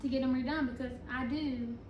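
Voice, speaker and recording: A woman's voice: sits high, steady tone, fairly quick, dull audio. A woman chatting casually as a talk show guest, who has trouble saying her R's, which sound like W's. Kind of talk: casual chat. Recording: echoey room, clear background noise.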